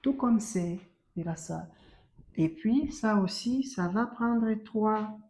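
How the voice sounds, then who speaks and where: Woman, Rwandan accent, French teacher, very slow, repeats syllables loudly. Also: mid-range voice, lively intonation. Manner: slow, drills syllables aloud and repeats them, louder on drills. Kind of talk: beginner French lesson, mixing in Kinyarwanda.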